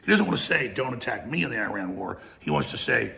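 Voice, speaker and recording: A man's voice: medium pitch, sing-song, quick pace, gravelly, bright, forceful tone. A man giving a combative political rant, speaking straight at the person he is attacking. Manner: combative, addresses target directly. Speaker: political commentator. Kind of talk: political rant played as a clip.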